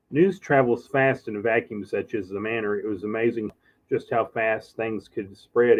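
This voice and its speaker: A man reading a novel aloud in a halting, unpolished way, often stumbling and correcting himself. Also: on the low side, dull audio. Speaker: reader. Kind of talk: amateur audiobook reading.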